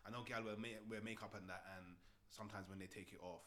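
A man's voice: lowish voice, fairly even intonation, fast, fairly bright tone, a little hiss or hum. A young man with a London roadman accent bantering casually in slang, often repeating himself for emphasis. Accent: London roadman (urban London slang accent).

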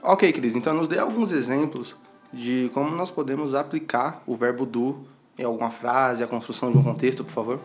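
A man's voice: mid-range voice, faint music behind. Inquisitive man co-hosting a podcast. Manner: inquisitive, halting. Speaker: podcast co-host. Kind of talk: asking questions on a podcast.

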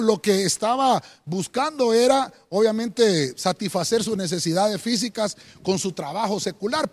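High-pitched animated man preaching. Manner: preaching with rising emphasis, repeated "hermano". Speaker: pastor. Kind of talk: sermon.

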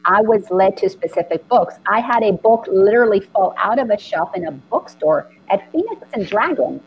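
Husky earnest woman from the Dominican Republic. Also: medium pitch, moderate pace, highs cut off, soft background music. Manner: earnest, animated storytelling. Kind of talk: spiritual conversation.

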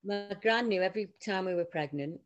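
A woman's voice: mid-range voice, fairly quick, lo-fi sound. A woman, chatting casually and telling family stories, acting out her relatives' voices. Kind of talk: casual chat.

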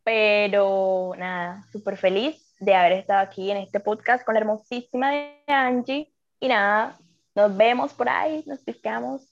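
A woman's voice: medium pitch, measured pace. Chatty young woman, coastal Colombian accent, muffled audio. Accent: coastal Colombian Spanish. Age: young adult. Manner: chatty, rambling, exclamatory. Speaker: podcast guest. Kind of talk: casual podcast chat.

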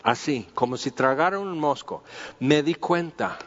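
A man's voice: on the high side, a little slow, a bit bright. A man teaching through a Bible passage in an informal, conversational way. He repeats himself and uses many fillers as he talks. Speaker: preacher. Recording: dull, lo-fi sound with long hall reverb.

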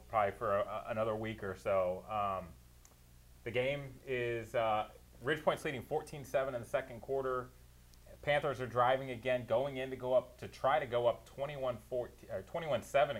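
A man's voice: mid-range voice, normal speed. Man giving play-by-play sports recaps. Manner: detailed play-by-play recaps, opinionated, laughs easily. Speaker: producer and sports analyst.

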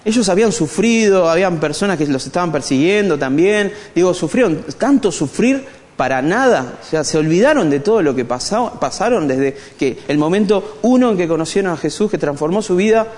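A man with a Rioplatense Spanish accent leads an animated, joking Bible study, speaking directly to the group in a church hall. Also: sits high, brisk. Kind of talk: conversational church teaching. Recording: long hall reverb.

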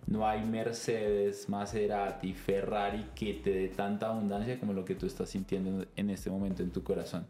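A man's voice: on the low side, flat delivery, normal speed, hardly any pauses, mellow. A man hosting a podcast, telling stories animatedly and acting out bits of dialogue. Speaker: podcast host. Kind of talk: conversational podcast talk. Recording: echoey room.

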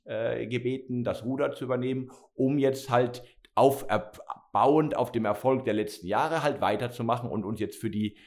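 A middle-aged man from Spain who now leads a company speaks in an interview. He stops and restarts his sentences often and fills the pauses with "äh", in an ordinary mid-pitched voice. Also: a little mellow. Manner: hesitant, many fillers and restarts. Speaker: company CEO. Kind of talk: interview conversation.

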